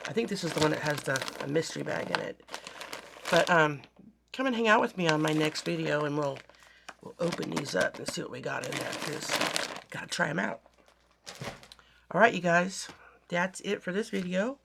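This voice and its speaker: A yarn crafting vlogger, hoarse from a bad cold with a raspy voice, chatting casually to viewers about finished projects. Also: medium pitch, fairly quick, heavy background noise. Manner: chatty, meandering, talks to viewers directly. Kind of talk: casual show-and-tell vlog.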